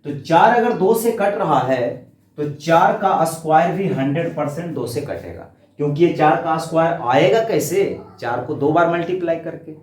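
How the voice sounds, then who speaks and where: A man's voice: fairly high pitch, a little mellow. A man teaching a maths lesson in Hindi, explaining step by step, asking questions, answering for his students and calling them "my friend". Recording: echoey room, mic far off.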